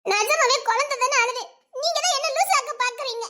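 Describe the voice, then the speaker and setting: In Tamil serial drama dialogue, a woman with a Tirunelveli Tamil accent voices a stubborn, confused young daughter who keeps insistently protesting. Her voice is very high, brisk and sharp.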